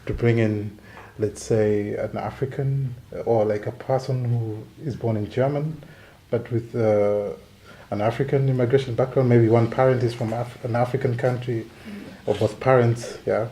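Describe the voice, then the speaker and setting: Measured man with a mellow voice. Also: mid-range voice, fairly even intonation, rough recording. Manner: measured, hesitant, many fillers. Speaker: panelist. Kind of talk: panel discussion.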